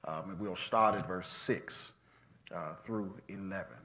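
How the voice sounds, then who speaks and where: A man's voice: low voice, measured pace, bright, forceful tone. A male pastor, preaching a sermon in a church with a rhythmic cadence and calling out to the congregation. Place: church sanctuary.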